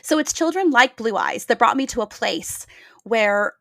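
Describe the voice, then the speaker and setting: A woman's voice: fairly high pitch, lively intonation, normal speed, gravelly, fairly bright tone, no room sound, clean studio sound. A woman hosting a podcast, telling a reflective story in an earnest, emphatic way. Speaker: podcast host.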